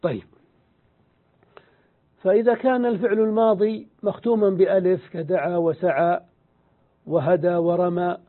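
Male grammar teacher, high-pitched voice, phone-quality audio, methodical lecture delivery. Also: fairly even intonation. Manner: slow, deliberate explaining, repeats examples, asks and answers his own questions. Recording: tinny phone-like sound.

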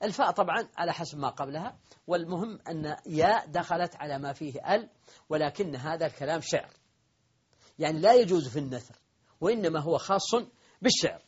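A man's voice: fairly high pitch, expressive, a little fast, husky, lo-fi sound. A man teaching an Arabic grammar lesson, explaining step by step, repeating key points and answering his own questions.

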